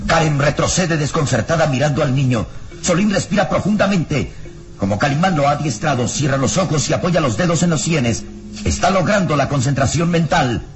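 A man's voice: fairly high pitch, expressive, brisk, noisy background. A man narrating a radio serial from a script in a dramatic, suspenseful, theatrical manner. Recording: old radio serial with music behind.

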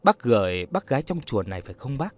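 A man voicing a gentle, coaxing young woman. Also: mid-range voice, big pitch swings, quick pace, lightly acted. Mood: gently probing. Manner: soft, coaxing, polite.

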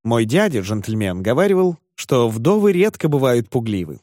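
A man's voice: mid-range voice, very animated, moderate pace, darkish tone, no echo, studio quality. A man narrating an audiobook expressively.

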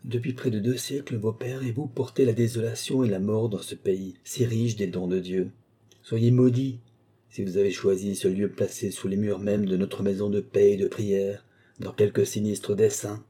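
A stern medieval monk , as a man puts him on, rebukes the lords in a firm, severe voice. The tone is dark and mellow with a husky edge, and it rises loud when he condemns them. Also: fairly low pitch, fairly even intonation, normal speed. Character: stern old monk cursing two feuding lords.

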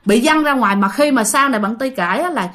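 A woman's voice: fairly high pitch, fast talker, fairly bright tone. A woman casually retelling a ghost story, chatty and full of fillers, speaking to her listeners.

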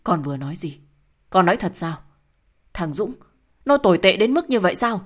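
A woman's voice: deep voice, unhurried, breathy edge. A woman voicing an aging mother who soothes her daughter and grieves with her, in an audio story. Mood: distraught. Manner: soothing, then shocked and grieving.

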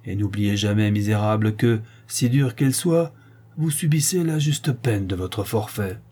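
A hypocritical rich banker hurls scornful, threatening words, as a male narrator puts him on. The voice is dark and husky, pushed louder and higher than the reader's plain telling, in a storybook reading. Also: a little slow. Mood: menacing.

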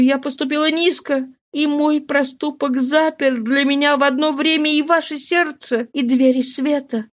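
A woman's voice: high voice, pitched above the performer's own voice. A woman reading a novel aloud, voicing a remorseful young wife who pleads tearfully with her husband in a heightened, imploring way.

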